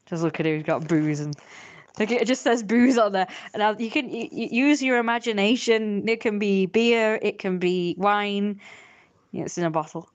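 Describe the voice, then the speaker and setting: A female artist chats casually on her livestream while drawing, rambling along and criticizing her own work. She speaks at normal speed with a medium pitch, and the audio has its highs cut off.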